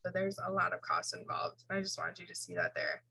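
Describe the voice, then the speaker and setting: A woman's voice: on the low side, little pitch movement, fairly quick, vocal fry, bright, forceful tone, husky, no room sound, low-quality recording. A woman instructor giving an informal recorded lecture, walking through slides in a casual way with fillers and self-corrections.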